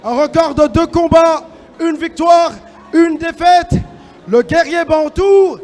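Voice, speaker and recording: High-pitched shouting male boxing ring announcer. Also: faint music behind, a faint crowd. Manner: shouted, drawn-out, declamatory delivery. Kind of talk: boxing ring announcer introductions, loudly drawn-out names.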